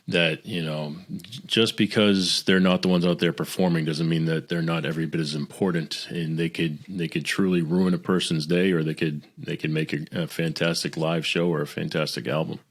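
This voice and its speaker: A middle-aged man from the Boston area talks as a podcast guest, relaxed and friendly as he tells his story. His voice is very low-pitched. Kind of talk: casual interview chat.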